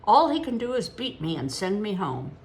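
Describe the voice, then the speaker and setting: A woman's voice: medium pitch, sing-song, moderate pace, a little hiss or hum, voice pushed up. A woman in her older years reading aloud as an earnest, solemn young boy.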